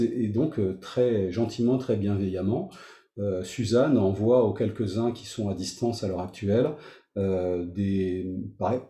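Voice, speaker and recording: A man's voice: lowish voice, warm tone. A man teaching meditation, talking informally to his group in front of a camera, hesitant with many fillers and restarts. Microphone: facing a camera. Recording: roomy echo.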